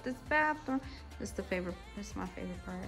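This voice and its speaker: Chatty young mom vlogging. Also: female voice, mid-range voice, expressive, fast talker, vocal fry, loud music behind the voice. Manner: chatty, unsure asides, addresses viewers as y'all. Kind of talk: casual vlog chat. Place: houses on tour and her home, indoors. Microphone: phone camera held at arm's length.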